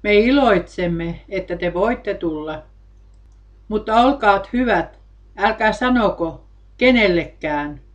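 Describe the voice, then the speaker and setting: A woman delivering a sermon in a solemn, measured way, quoting scripture along the way. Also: mid-range voice, expressive, lo-fi sound. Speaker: preacher.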